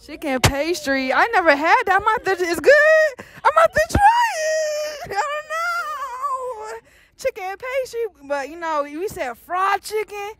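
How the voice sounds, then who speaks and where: A woman's voice: extremely high pitch, very animated, unhurried. A young woman asking shoppers questions in a mall, playful and joking with her guests. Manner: playful, laughs and jokes with guests. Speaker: street interviewer. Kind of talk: casual street interview.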